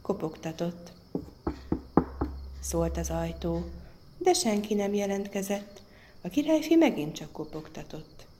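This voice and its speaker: A woman storyteller reading a fairy tale aloud in a lively, expressive way. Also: medium pitch, pauses often, background noise.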